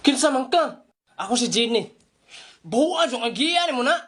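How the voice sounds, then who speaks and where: A man's voice: very high-pitched, lively intonation, normal speed, fairly bright tone, exaggerated voice. Brash teasing genie granting wishes, put on by a man.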